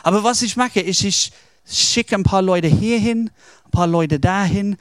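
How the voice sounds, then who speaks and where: A man's voice: high voice, unhurried, dry recording, studio quality. A man voicing a cunning enemy king who lays out his plan in a matter-of-fact way. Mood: scheming. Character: scheming enemy king, cunning and self-satisfied.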